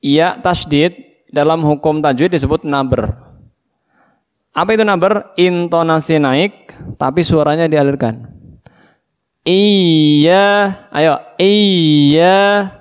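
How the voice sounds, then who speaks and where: A man with an Indonesian accent teaching Quran recitation, drawing out each verse slowly and patiently correcting single syllables in call-and-repeat drills. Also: a little high. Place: mosque hall. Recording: long mosque reverb.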